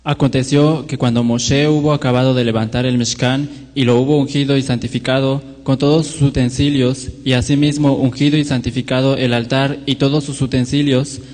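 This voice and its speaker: A man reading scripture aloud in a steady, measured way. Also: mid-range voice, big-room sound. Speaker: scripture reader.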